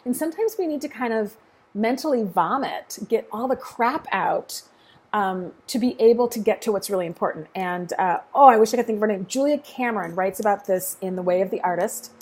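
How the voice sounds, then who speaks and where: A woman's voice: medium pitch, a little mellow, husky. A middle-aged woman coaching a group in a casual, frank and encouraging way, now and then swearing offhandedly.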